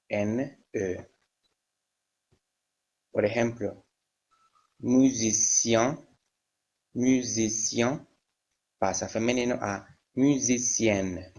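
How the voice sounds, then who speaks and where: A man teaches French. His voice sits a little low, and he talks at a very unhurried pace. He spells word endings out letter by letter and repeats each word with care. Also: a little mellow. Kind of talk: slow step-by-step language lesson.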